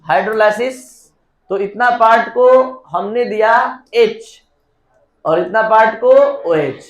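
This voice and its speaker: ऊँची आवाज़ वाला पुरुष रसायन शिक्षक. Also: male voice, high voice, measured pace, muffled recording. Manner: dictates step by step, prompts students to answer. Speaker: chemistry teacher. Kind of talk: classroom lecture. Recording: echoey classroom.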